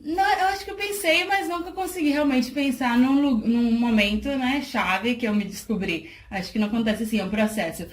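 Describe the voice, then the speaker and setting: A woman's voice: fairly high pitch, a little fast, few pauses. A woman in her thirties from Salvador, Brazil, giving a thoughtful interview with frequent restarts. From Salvador, Bahia, Brazil. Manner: thoughtful, many fillers and restarts, laughs easily. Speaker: guest, charity project worker. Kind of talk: casual interview talk. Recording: echoey room, faint noise.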